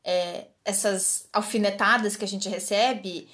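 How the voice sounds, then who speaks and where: A young adult woman with a Brazilian Portuguese accent, co-hosting a casual podcast chat and telling animated, laughing stories with many restarts. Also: medium pitch, unhurried. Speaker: podcast co-host.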